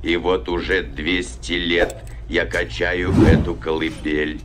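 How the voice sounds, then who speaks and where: An actor playing a gentle, patient old robot nanny in film dialogue, speaking slowly and evenly. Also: male voice, low-pitched, over loud music. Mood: gentle, weary. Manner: slow, even, mechanical delivery. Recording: loud mechanical clicking behind.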